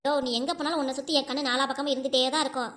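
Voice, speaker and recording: A woman voicing a sharp-tongued scheming village wife in a cartoon, with a southern Tamil Nadu accent and a bossy, scolding manner. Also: sits high, fairly even intonation, racing. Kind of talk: cartoon voice acting.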